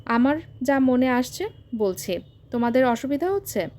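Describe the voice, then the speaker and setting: A woman voicing a bitter, irritable mother who speaks in a sharp, annoyed tone in an audio story. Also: sits high, expressive, moderate pace. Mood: irritated.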